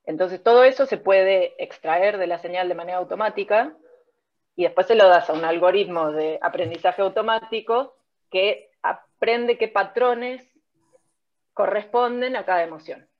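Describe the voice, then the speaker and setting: Rioplatense woman researcher, explains slow and clear w examples, kinda muffled lo-fi audio. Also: mid-range voice. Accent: Rioplatense Spanish. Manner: patient, explains step by step with examples. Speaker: speech technology researcher. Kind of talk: explanatory interview talk. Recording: dull lo-fi sound.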